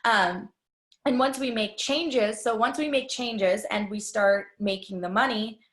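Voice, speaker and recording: A business trainer gives a live training talk in an echoey room, her voice fairly high, a little slow and fairly bright. She is chatty and confiding, speaking directly to listeners and sharing personal stories.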